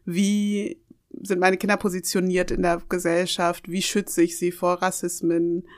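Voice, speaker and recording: A woman in her thirties appears as an interview guest on a podcast, speaking in a fairly low, unhurried voice with little pitch movement. She talks reflectively and with emphasis, dropping English phrases into her talk.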